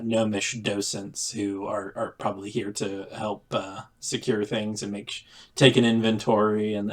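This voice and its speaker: A man narrating as game master in a loose, casual way, with many fillers. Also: lowish voice.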